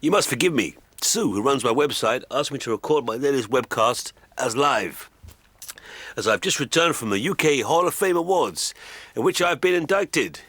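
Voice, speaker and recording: A deadpan, self-important rock star. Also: male voice, mid-range voice, moderate pace. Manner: deadpan, rambling with fillers. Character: vain, oblivious middle-aged male rock musician. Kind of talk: mockumentary monologue.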